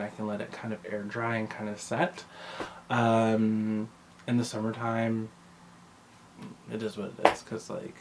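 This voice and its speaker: Over a noisy background, a man with a medium-pitched voice rambles casually in his vlog about his personal routine. He speaks to camera conversationally and keeps interrupting himself.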